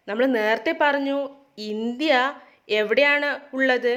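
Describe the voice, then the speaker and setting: A woman teacher explains a lesson, mixing in English terms and asking questions that she answers herself. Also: fairly high pitch. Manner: mixes English terms into her speech.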